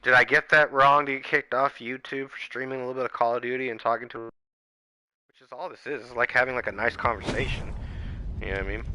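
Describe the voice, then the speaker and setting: A man's voice: medium pitch, fairly even intonation, quick pace, sharp tone, dry recording. A man ranting casually and profanely while streaming a video game. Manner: profane, rambling, heated. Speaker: gaming streamer. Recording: music playing clearly behind the voice.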